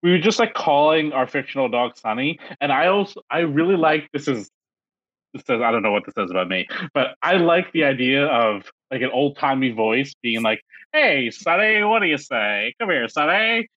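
Man, podcast co-host, lively up-and-down delivery, dry slightly muffled sound. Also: mid-range voice, normal speed, no room sound. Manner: animated, rambling with many fillers. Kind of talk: casual podcast chat.

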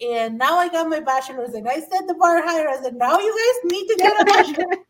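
Her pitch is extremely high and expressive as this middle-aged woman from Mexico, once an adult learner, gives personal testimony on a podcast at a slightly fast clip. Earnest and emphatic, she keeps restarting and repeating words, captured from afar over a noisy crowd.

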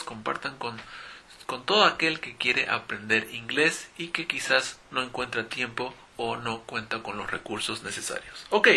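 Male English teacher, slow drilling delivery, bright and gravelly. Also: mid-range voice. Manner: slow, repeats English words for practice. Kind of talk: pronunciation lesson.

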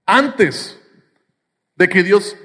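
A man's voice: sits high, expressive, extremely slow, bright, forceful tone, big-room sound. A man with a Mexican accent preaching a sermon, with playful jokes and asides to the congregation. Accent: Mexican Spanish. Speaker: pastor.

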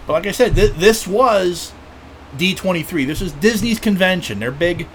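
Excitable man chatting on a podcast. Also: high-pitched, normal speed, a little hiss or hum. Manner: excitable, profane fan talk with many fillers. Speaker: podcast host. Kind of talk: casual chat.

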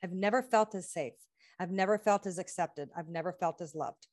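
A woman's voice: lowish voice, moderate pace, a little mellow. A woman from the United States, a healing practitioner and author, speaking earnestly as an interview guest, running through lists of questions and laughing often. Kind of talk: conversational interview.

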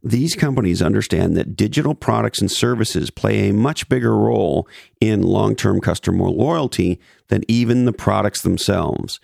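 A man's voice: fairly low pitch, vocal fry, a little mellow, no room sound, studio quality. A man presenting scripted business commentary as a podcast host, with emphatic repetition and wry asides.

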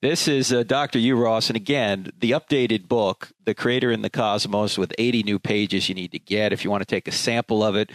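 A man's voice: on the low side, steady tone, fairly quick, few pauses, no echo, low-quality recording. A man hosting a radio interview show in a conversational way, asking questions and wrapping up segments.

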